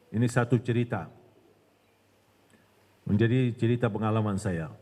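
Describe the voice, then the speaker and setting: Man, preacher, animated storytelling, fairly high pitch, long reverb. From Medina. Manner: animated storytelling, acts out dialogue. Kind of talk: religious lecture.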